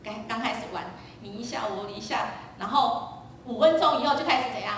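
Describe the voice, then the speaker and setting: A woman preacher giving a sermon, telling a lively story and quizzing the congregation. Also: fairly high pitch, a little fast, slight background noise. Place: church sanctuary. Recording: echoey church hall, distant mic.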